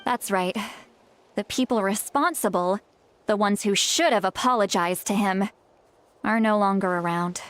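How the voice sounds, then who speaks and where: A woman's voice: medium pitch, unhurried, dry recording, lightly acted. Woman as a composed, solemn game heroine. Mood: somber. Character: composed, grave, compassionate female game character. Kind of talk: video game voice acting.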